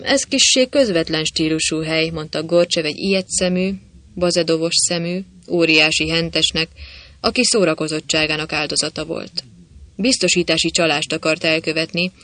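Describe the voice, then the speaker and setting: Man reading an audiobook, humorous novel, ironic lively storytelling, bright tone. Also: a little high. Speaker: audiobook narrator. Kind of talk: scripted narration of a humorous novel.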